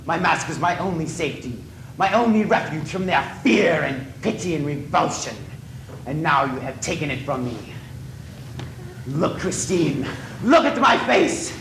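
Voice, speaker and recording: A tormented, masked man with a ruined face, obsessive and possessive in love, as an actor plays him on stage. His voice sits a little high and swings from hushed pleading to furious shouts. The sound rings around an echoey stage. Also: normal speed, vocal fry. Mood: anguished, raging. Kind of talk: stage play performance. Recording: echoey stage from a distance, faint noise.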